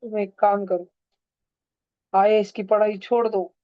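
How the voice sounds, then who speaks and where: A man's voice: high-pitched, little pitch movement, unhurried, dry recording. A man, teaching science in an online class and teasing his students. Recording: dull, dry online-class audio.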